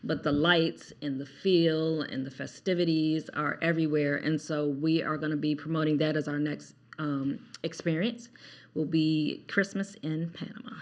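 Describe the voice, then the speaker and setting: Middle-aged woman co-host, measured delivery. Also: low-pitched, steady tone, muffled recording. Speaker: podcast co-host, travel concierge. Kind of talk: casual podcast chat.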